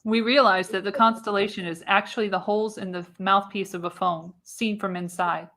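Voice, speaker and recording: Reading the narration of a live radio play's screenplay, a woman who hosts a podcast speaks a little fast in a steady, mid-range voice that sounds pushed and bright. Her delivery is theatrical, stressing the action.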